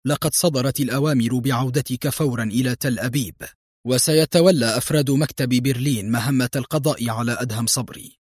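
A man's voice: medium pitch, quick pace, no echo, natural voice. A man voicing a stern, commanding spy chief. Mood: stern orders. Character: stern male intelligence officer, commanding.

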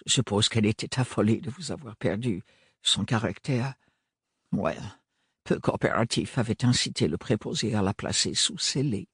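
A man voicing a timid, soft-spoken young man, a son who talks hesitantly and in a murmur. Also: mid-range voice, slightly rough, dry recording, clean studio sound.

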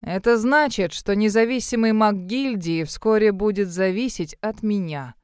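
A woman's voice: medium pitch, measured pace, darkish tone, clean tone, no room sound, studio quality, close to an everyday voice. A woman voicing an arrogant, scheming male ship owner who talks in a smug, domineering way. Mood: gloating. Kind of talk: audiobook character reading.

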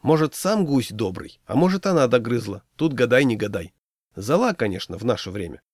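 A man's voice: medium pitch, very animated, a little fast, no room sound, studio quality. A man voicing a fussy friend who rambles on confidingly in a humorous story. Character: fussy scheming man, anxious talker.

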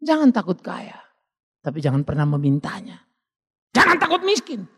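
A man's voice: high-pitched, huge pitch swings, normal speed, fairly bright tone, slightly rough, big-room sound. A male pastor preaching a sermon in a dramatic way, acting out the voices he quotes and dropping in English words.

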